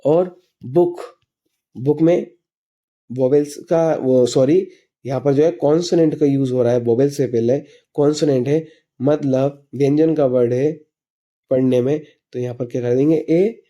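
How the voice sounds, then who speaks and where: A man, teaching an English grammar lesson slowly and patiently, asking himself questions and answering them. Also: medium pitch, dark tone, highs cut off. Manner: asks and answers his own questions while teaching; slow, patient explanations. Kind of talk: classroom lesson explaining grammar.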